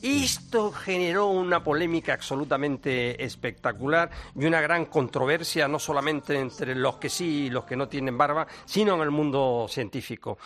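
A man's voice: on the high side, moderate pace, hardly any pauses, fairly bright tone. A man, an enthusiastic medical expert explaining science on a talk show. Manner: enthusiastic explainer, laughs often.

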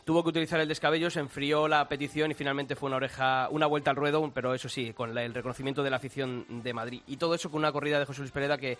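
A man giving brisk, knowledgeable bullfighting commentary on the radio. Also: mid-range voice, fairly even intonation, fairly bright tone.

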